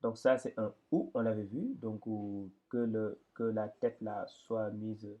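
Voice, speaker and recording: A man teaching a step-by-step reading lesson, patiently explaining and drawing out syllables slowly and loudly for students to repeat. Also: fairly low pitch. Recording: dull lo-fi recording.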